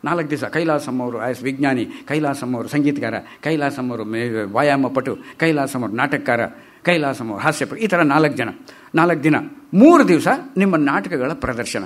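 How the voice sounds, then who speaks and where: A man giving a lively storytelling lecture on poetry and humor in a lecture hall, asking the audience questions. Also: medium pitch, normal speed. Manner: chatty and animated, asks the audience questions. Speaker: speaker at a literary talk.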